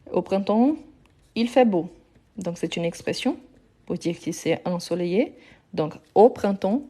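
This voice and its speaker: A woman with a lowish, dark-toned voice teaches a live online French lesson. She walks through the grammar patiently, one step at a time, and often checks in with her viewers.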